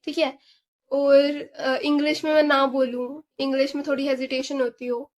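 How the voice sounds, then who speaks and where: A young woman with a high voice tells a story from her own life in a casual vlog. She talks in an animated way, mixes in English words and fills pauses with small sounds. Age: young adult. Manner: animated, mixes Hindi and English, many fillers. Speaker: vlogger.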